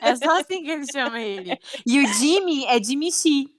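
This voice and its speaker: A woman's voice: sits high, animated, normal speed, no echo, studio quality. A young woman co-hosting a podcast, chatting casually, laughing often and using slang. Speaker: podcast co-host. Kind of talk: casual chat.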